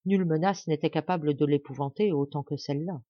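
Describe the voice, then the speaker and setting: A woman narrating a classic novel as an audiobook reader, in measured, expressive storytelling. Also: low voice, no room sound, lo-fi sound.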